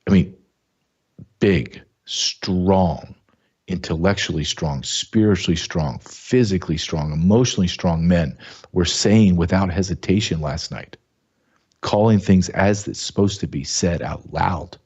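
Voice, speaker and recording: In a casual commentary monologue on his own talk show, a man from the American South speaks in a low, slightly rough, somewhat mellow voice at a slightly slow pace. The recording has its highs cut off. He's emphatic and often restarts and repeats words.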